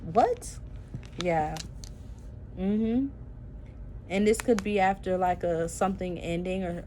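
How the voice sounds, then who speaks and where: A tarot reader, sleepy and tired this early morning, chats directly to her viewers, whom she calls "y'all," filling her speech with fillers. She has a lowish voice and a darkish tone, and there's slight background noise.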